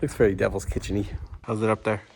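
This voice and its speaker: A man's voice: lowish voice, level tone, fast, creaky, crowd noise. A man from South Carolina chatting casually with wry, self-mocking jokes while vlogging on an outdoor hiking trail, recorded on a handheld camera. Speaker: travel vlogger. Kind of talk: casual hiking vlog chat.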